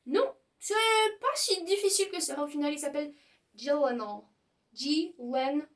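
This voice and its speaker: A woman's voice: high voice, brisk, distant mic. A young woman, a video host, explaining pronunciation in a casual, playful way and exaggerating the mistakes. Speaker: YouTuber teaching pronunciation.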